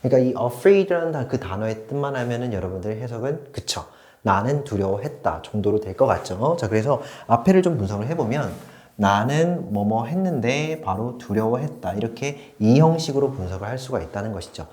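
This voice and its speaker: Male grammar teacher at a whiteboard, animated and chatty, checking in with students; roomy sound. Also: medium pitch, a little fast. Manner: lively, switches between polite and casual speech, asks learners if they follow. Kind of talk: online grammar lecture.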